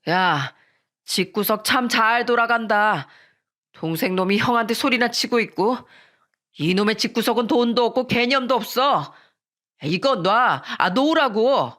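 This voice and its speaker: A woman voicing a belligerent drunk older brother who shouts and picks fights. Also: on the high side, expressive, measured pace. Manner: loud, shouting.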